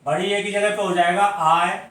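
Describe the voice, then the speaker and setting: A man's voice: sits high, fairly even intonation, a bit bright, distant mic. A man teaching a grammar lesson, explaining step by step and answering his own questions. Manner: drawn-out syllable-by-syllable pronunciation of example words. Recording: very echoey room, voice from away from the mic.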